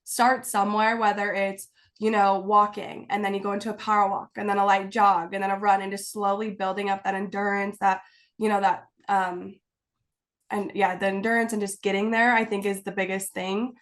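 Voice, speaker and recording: On a video call from her home, a woman content creator guests on a casual interview, a bit stuffy from a cold. Her mid-range voice holds a level tone at a normal speed, though she rambles in a bubbly, giggly way, saying "like" constantly.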